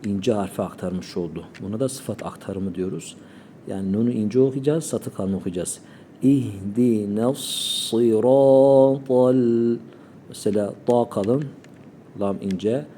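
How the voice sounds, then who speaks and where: A man teaching Quran recitation, calmly explaining pronunciation and demonstrating sounds slowly. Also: lowish voice, a little hiss or hum.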